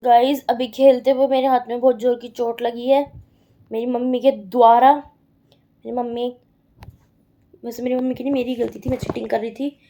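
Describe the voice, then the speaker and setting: A woman's voice: on the high side, flat delivery, normal speed, pauses often, dark tone. A teenage girl vlogging at home with her mother, chatty and giggly, playfully protesting. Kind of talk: casual family vlog chat.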